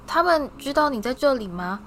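A woman's voice: sits high, expressive, fairly quick, fairly bright tone, a little hiss or hum, pitched above the performer's own voice. Woman playing a nervous, polite boy wizard. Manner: hesitant, careful, polite.

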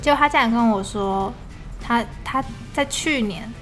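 A young woman with a Taiwanese Mandarin accent and a fairly high, slightly bright voice speaks at a moderate pace over soft background music. Co-hosting a podcast, she tells a story in casual chat and laughs often.

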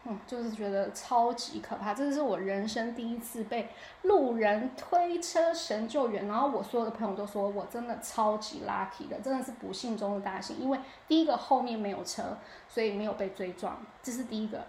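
A young woman with a Taiwanese Mandarin accent, hosting a podcast and telling a story in a lively, chatty way that keeps pulling the listener in. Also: a little high, a little fast, hardly any pauses, slight background noise. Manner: animated, keeps asking the listener 你知道吗. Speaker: podcast host. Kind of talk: casual storytelling monologue. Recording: echoey room with faint ambience.

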